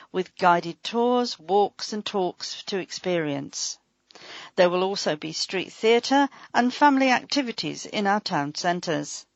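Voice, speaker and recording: Woman reading a council mag, steady announcer tone, dead dry booth sound. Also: mid-range voice, dry recording. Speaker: audio magazine reader. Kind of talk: scripted reading of a council magazine. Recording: dry, dull lo-fi recording.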